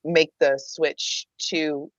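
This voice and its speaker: A woman's voice: low-pitched, flat delivery, very slow, dry recording, lo-fi sound. A woman on a podcast panel in casual chat, playful and emphatic.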